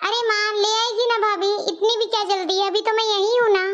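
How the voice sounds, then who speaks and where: A cheerful, breezy young woman home on a visit, as a woman voices her, reassuring and very high pitched. The recording is dull and lo-fi. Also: little pitch movement, brisk, a bit bright. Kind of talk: cartoon story voice acting. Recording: dull lo-fi audio.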